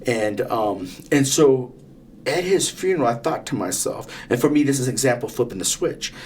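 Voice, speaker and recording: A man of fifty talks earnestly as a podcast co-host, circling back and restarting as he tells stories. His voice sits at an ordinary middle pitch. A faint hiss runs under the recording. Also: expressive, normal speed, a little mellow. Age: 50s. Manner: earnest, repetitive restarts, storytelling. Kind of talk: casual podcast conversation.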